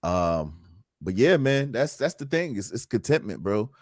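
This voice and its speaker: A man's voice: fairly low pitch, sing-song, unhurried, a little mellow, no echo, clean studio sound. A man hosting a casual livestream talk, earnest and reflective, reading viewer comments aloud. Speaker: host.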